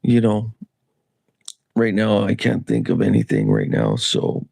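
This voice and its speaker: A man's voice: fairly low pitch, big pitch swings, measured pace, gravelly, darkish tone, breathy edge, no room sound. A man hosting a casual solo livestream, rambling loosely with chuckles and the odd swear word. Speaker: livestream host. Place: Canada.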